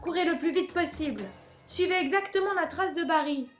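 A woman voicing a kind young male monk in a storybook, calling out loudly and urgently. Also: extremely high pitch, a little fast, faint music behind, voice pushed up. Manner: calls out loudly.

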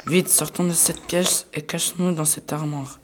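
A woman's voice: low voice, steady tone, normal speed, a little hiss or hum, natural voice. A woman voicing a timid, curious schoolboy in an amateur storybook reading, with a hesitant, stammering delivery.

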